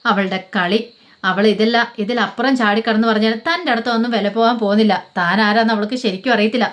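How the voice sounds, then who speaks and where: A woman telling a story in a casual, run-on way, reading the characters' quoted lines flatly as reported speech. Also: on the high side. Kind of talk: rapid casual retelling of a serial's plot.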